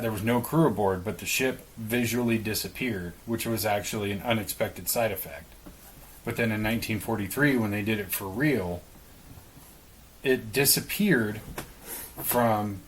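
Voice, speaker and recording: In a roughly recorded clip with a little hiss or hum, a man with a lowish voice co-hosts a podcast, laying out a story casually while swearing a bit and speculating.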